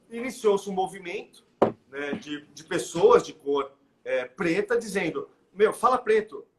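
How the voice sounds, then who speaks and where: Speaking in a high-pitched voice, this middle-aged guest expert with a Brazilian Portuguese accent lays out his views in a live interview. He's animated and keeps restarting, with frequent "né?" tags.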